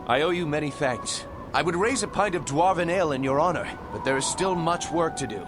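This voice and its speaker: A man's voice: fairly high pitch, lively intonation, a little fast, lightly acted. A man playing a proud, defiant human prince, speaking in an earnest, noble, declamatory way in a video game cutscene. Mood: friendly, resolute. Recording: loud music behind. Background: loud music.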